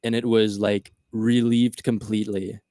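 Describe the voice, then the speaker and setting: Animated man telling a story, dry sound. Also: lowish voice, unhurried, dry recording. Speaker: podcast host. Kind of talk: casual storytelling chat.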